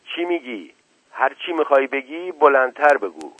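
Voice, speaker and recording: Loud, blunt village questioner, voiced by a male radio reader; husky, dry, phone-thin sound. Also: a little high, expressive, no room sound, pitched above the performer's own voice. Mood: demanding. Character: loud demanding village man questioning a stranger. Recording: tinny lo-fi radio broadcast.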